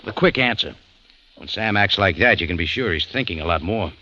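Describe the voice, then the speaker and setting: An actor with a low, bright, pushed voice plays a tough, wry man who runs a cafe and narrates his own story in laconic, hard-boiled 1940s radio style. His delivery is expressive, a little fast and heavily acted, captured on a dull old radio recording.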